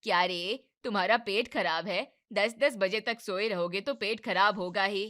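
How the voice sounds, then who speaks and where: A woman's voice: mid-range voice, normal speed, fairly bright tone, lightly acted. A woman voicing a bossy but caring older mother-in-law in a cartoon family drama, scolding and commanding.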